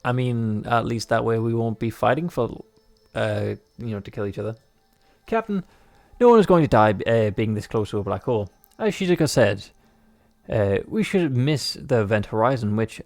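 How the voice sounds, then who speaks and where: A man with a lowish, darkish voice plays through a visual novel, voicing the narration himself. He scatters rambling, joking comments and many fillers throughout.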